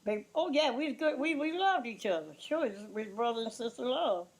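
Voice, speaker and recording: Very old Southern woman, high-pitched voice. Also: lively intonation. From Louisiana, USA. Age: 90s, elderly. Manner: plain-spoken, repeats words, halting starts. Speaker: interviewee. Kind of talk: casual oral-history reminiscence.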